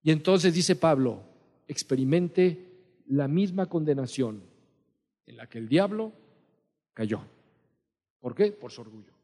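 A man's voice: fairly high pitch, animated, unhurried, pauses often, dark tone. A middle-aged man preaching a sermon as pastor, earnest and emphatic, repeating key lines for weight. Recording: long hall reverb.

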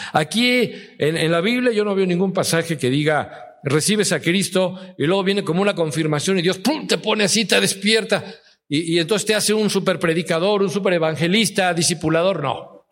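A man preaches to his congregation in a slightly raised register. He keeps turning to his listeners with questions. The sound carries the long reverb of a big church hall. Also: high voice. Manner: asks the listeners frequent questions. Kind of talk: sermon.

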